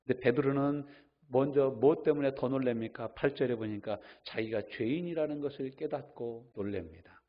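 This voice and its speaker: A man's voice: medium pitch, normal speed. A middle-aged male pastor preaching a sermon, asking the congregation questions and answering them himself. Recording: dull lo-fi sound.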